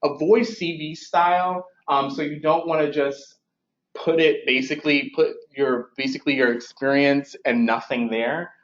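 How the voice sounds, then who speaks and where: A man's voice: a little high, steady tone, normal speed, echoey room. A young man giving an informal instructional presentation as a career advisor, speaking with braces in his mouth, conversational and often rephrasing himself. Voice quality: speech slightly impeded by braces. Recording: dull, lo-fi recording.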